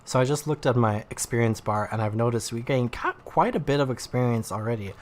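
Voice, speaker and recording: Talking a little fast, this man sounds nasal from allergies as he gives loose let's play commentary on his video game, leaning heavily on "like." He's a gaming YouTuber with a medium-pitched, animated voice.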